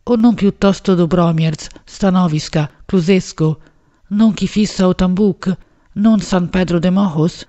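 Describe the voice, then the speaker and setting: A woman narrating a literary novel as an audiobook in a measured, expressive reading. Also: lowish voice, highs cut off.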